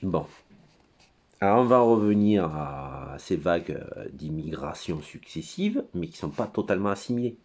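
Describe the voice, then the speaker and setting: A man's voice: deep voice, animated, moderate pace, a little mellow. A man giving a rambling, crude monologue at his computer, full of hesitations and digressions. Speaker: commentator.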